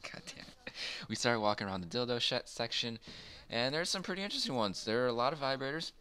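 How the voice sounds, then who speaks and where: This young man's voice is medium-pitched, smooth, bright, and forceful, and he talks fast and animatedly. He's the storyteller in a gaming video, casually rambling through a personal tale with crude amusement over faint background noise.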